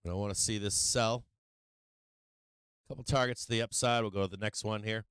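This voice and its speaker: A man giving casual live trading commentary as a show host, blunt and profane, often halting and repeating himself. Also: fairly low pitch, steady tone, a bit bright, smooth, no echo.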